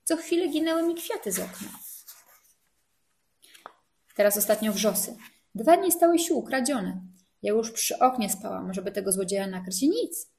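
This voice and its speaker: A woman reading a storybook and voicing an excited older woman who gossips about her stolen flowers. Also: a little high, moderate pace, long pauses. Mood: agitated. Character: agitated older woman, chatty neighbor.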